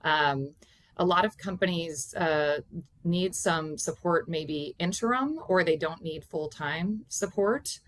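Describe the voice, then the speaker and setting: Lower-pitched woman giving interview answers. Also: slow, no room sound. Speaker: guest, accounting consultant. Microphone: video call.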